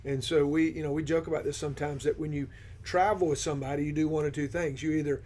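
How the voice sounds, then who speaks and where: Steady man leading a discussion. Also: fairly high pitch, fast, background noise. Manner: steady, affirming, guides the talk with questions. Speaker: discipleship ministry team member leading the discussion. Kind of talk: conversational podcast discussion.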